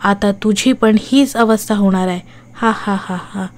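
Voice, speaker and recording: A woman's voice: mid-range voice, a little slow, darkish tone, lightly acted. A woman voicing a spiteful half-burnt ghost woman. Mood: spiteful taunting. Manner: taunting, scolding, cackling.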